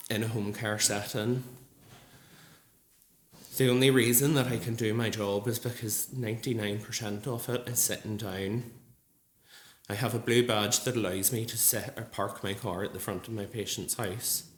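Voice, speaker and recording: A man in his early thirties speaks in a low voice, earnest and measured, pausing on ums as he gives his testimony. He is heard in an echoey hall with a faint murmur of ambience behind him. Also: a little hiss or hum. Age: 30s. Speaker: nurse speaking at a support group event. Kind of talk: personal testimony speech. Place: large gallery hall.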